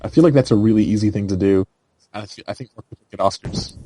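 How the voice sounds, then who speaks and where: Brief: young male podcast co-host, low mellow voice, loose rambling delivery full of "like" and "um". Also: fast, slight background noise. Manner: rambling, filler-heavy, laughs often. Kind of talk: casual chat.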